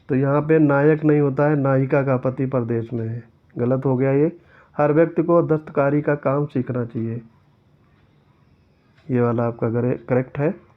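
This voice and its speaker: Man, exam-prep teacher, reads out each question, corrects it step by step, tinny phone-like audio. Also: medium pitch. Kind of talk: exam-prep lesson explaining answers.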